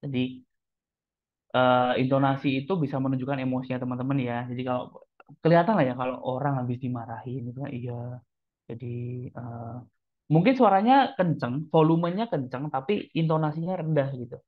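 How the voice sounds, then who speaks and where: A chatty male speaking trainer explains his tips in a relaxed, conversational way. He keeps turning to his listeners and acting out short examples. His voice sits at an ordinary middle pitch, and it comes through thin and narrow, like a phone call. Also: fast talker. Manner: chatty, addresses listeners as friends, demonstrates examples. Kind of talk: casual teaching talk. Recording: tinny phone-like sound.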